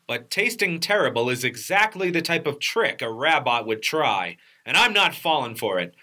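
A man playing a bumbling, overconfident robot-hunting detective in an animated comedy, with an officious, self-assured deadpan. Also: medium pitch, normal speed.

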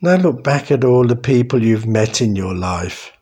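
A man guiding a meditation in a calm, soothing way, giving slow, unhurried instructions. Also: medium pitch, husky. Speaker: meditation guide. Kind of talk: guided meditation narration.

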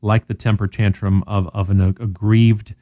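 Southern male host, warm low-key tone, dry close mic, sarcastic money explainer. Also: normal speed, no room sound, highs cut off. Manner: animated, sarcastic, explains with rhetorical questions. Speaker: radio show host. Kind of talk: casual financial talk.

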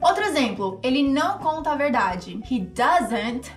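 A high-pitched woman with a Brazilian Portuguese accent gives an upbeat English lesson. She talks in an animated way and slows right down whenever she models an English phrase. Soft music runs underneath her voice. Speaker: English teacher.

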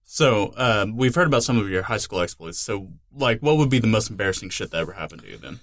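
A man co-hosting a podcast, throwing in deadpan, teasing remarks in crude casual chat. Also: lowish voice, fast, no room sound, clean studio sound. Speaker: podcast co-host.

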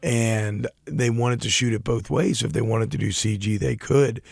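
Young male podcast co-host, gravelly, dry close sound, rambling and self-deprecating. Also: mid-range voice, normal speed, no room sound. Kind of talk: casual chat about a TV show.

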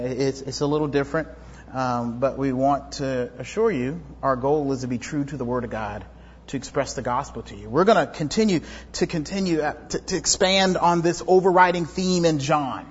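A man's voice: mid-range voice, slight background noise. A man preaching a sermon as pastor, talking in a conversational, self-deprecating way with playful asides to the congregation. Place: church sanctuary. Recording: dull, long-reverb hall recording.

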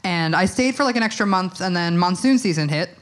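A young woman guest chatting casually in an interview. She is relaxed and chatty, swears freely and uses lots of fillers. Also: on the low side, brisk. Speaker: podcast guest, witch and herbalist.

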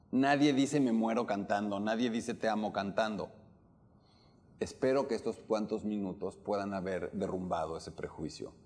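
A man with a Mexican accent giving a lively talk to a live audience, questioning listeners and acting out the melody of speech. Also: fairly low pitch. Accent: Mexican Spanish. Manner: animated, questions the audience, demonstrates intonation. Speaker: opera workshop lecturer.

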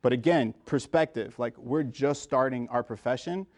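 A man's voice: mid-range voice, normal speed. A man from the United States, a pharmacist in his thirties, giving a casual talk to pharmacy students in a lecture room, with lots of fillers and restarts. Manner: informal, many fillers and restarts. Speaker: guest speaker, pharmacist.

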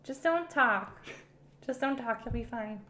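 Lady doing a nerdy science kid, stammery, higher voice, echoey room. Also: moderate pace, close to an everyday voice. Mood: eager. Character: nerdy young boy Mark, into science. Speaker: improv comedian. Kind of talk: improvised comedy podcast.

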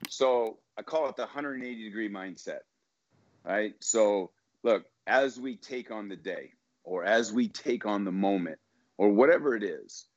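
Middle-aged male guest, ex-pitcher, emphatic motivational storyteller; dull, dry recording. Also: a little slow, no echo. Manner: emphatic, motivational, repeats words when excited. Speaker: guest, former baseball pitcher. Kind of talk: storytelling in a podcast interview.

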